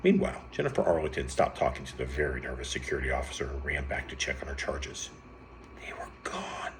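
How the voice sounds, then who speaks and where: A man reading an adventure story aloud in a lively way, with sudden lifts in pitch and some stumbles over words. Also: a little fast, a little hiss or hum.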